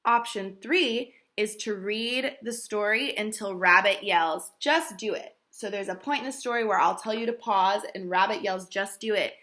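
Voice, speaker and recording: A woman teacher giving a recorded lesson to young children, explaining things slowly and clearly. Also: medium pitch. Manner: slow, clear teacher talk for small children; reads the story aloud slowly and loudly, stressing each word. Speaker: first grade teacher.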